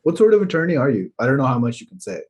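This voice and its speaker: A man's voice: medium pitch, sing-song, racing, darkish tone, breathy edge. Man, podcast host, mid-range voice, casual chat, easygoing, laughs often.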